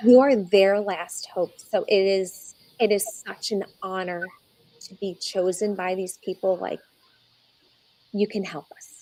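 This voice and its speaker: A young adult woman, a guest in an interview, telling her own story earnestly and slowing down when she is moved. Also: medium pitch, fairly even intonation, dark tone, low-quality recording. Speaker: egg donor guest. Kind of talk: conversational interview.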